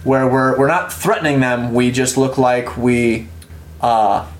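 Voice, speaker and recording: A man playing a tabletop game, talking casually and haltingly, often repeating himself. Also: medium pitch. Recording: echoey room.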